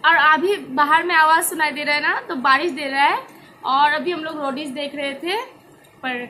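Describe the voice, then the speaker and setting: High-voiced chatty woman vlogging at home. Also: sharp tone, slight background noise, rough recording. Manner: chatty, laughs often, many fillers. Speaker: vlogger mother. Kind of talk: casual home vlog chat. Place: home indoors, rain outside.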